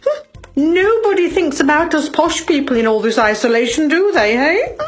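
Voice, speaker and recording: A woman's voice: high-pitched, lively intonation, soft background music. A woman doing a haughty posh lady. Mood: indignant. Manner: haughty, dramatic, drawn-out complaints. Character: posh snobbish rich lady, fussy and self-pitying. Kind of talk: children's comedy sketch acting.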